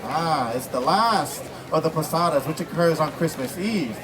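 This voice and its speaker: A man's voice: a little high, expressive, moderate pace, close to an everyday voice. A man playing a stately Magi king, declaiming solemnly in theatrical live storytelling. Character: stately Balthazar, one of the Three Kings. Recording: outdoor crowd noise.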